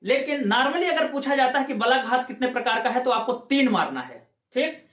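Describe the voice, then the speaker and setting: Expressive and a bit bright, a man's very high voice moves at normal speed through an exam-prep grammar lecture. He explains in steps, uses rhetorical questions, repeats key ideas, and checks on students with "ठीक है" in an echoey room.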